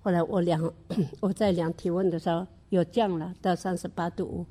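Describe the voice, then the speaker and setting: An older woman tells a personal faith testimony in an earnest, halting manner, often stopping to restart. Her voice sits fairly low and sounds mellow and dark. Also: fairly even intonation. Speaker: church member giving testimony.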